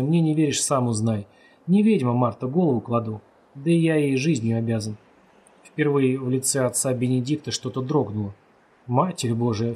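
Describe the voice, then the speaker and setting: A man reading a story aloud as narrator, steady and measured, lightly voicing the characters' lines. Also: mid-range voice, slightly rough. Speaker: audiobook narrator. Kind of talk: scripted narration.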